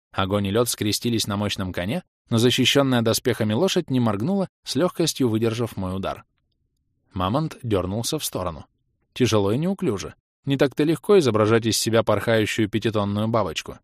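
A man narrating a first-person audiobook in an expressive way, acting out the shouts and exclamations. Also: medium pitch, dry recording, studio quality.

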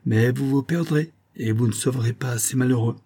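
A man voicing a sober middle-aged ship captain in a grave, measured way for a storybook reading. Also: medium pitch, warm tone, slightly rough.

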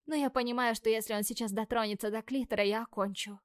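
A woman narrating a first-person audiobook in a lively, expressive reading, dropping now and then to breathy whispers. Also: fairly high pitch, fast, dry recording, clean studio sound.

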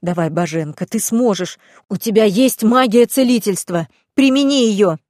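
A woman voicing a desperate young woman who insists and shouts hoarsely. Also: mid-range voice, moderate pace, no echo, studio quality, natural voice.

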